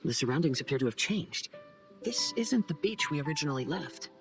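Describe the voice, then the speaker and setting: Gentle, creaky-voiced young wanderer. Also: male voice, fairly high pitch, animated, a little fast. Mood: thoughtful. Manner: soft-spoken, thoughtful, polite. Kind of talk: video game cutscene acting. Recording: clear music behind the voice.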